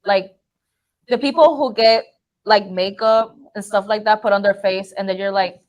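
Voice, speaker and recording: A woman's voice: mid-range voice, moderate pace, darkish tone, muffled recording. A woman chatting casually as a prop maker on a panel, explaining things in an informal, rambling way. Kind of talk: casual chat.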